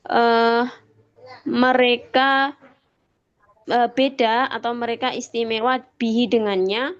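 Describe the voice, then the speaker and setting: A woman reads a classical text aloud slowly and haltingly, pausing on hesitant fillers. Her rather high voice comes through a dull, lo-fi online call that keeps breaking up and cutting out. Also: steady tone. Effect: choppy, breaking-up online call audio. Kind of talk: slow reading of a classical Arabic text with line-by-line translation. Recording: lo-fi, breaking-up remote call line.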